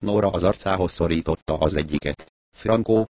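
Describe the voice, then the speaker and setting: A man's voice: low-pitched, fairly even intonation, dry recording. A man narrating an audiobook in a wry storytelling manner.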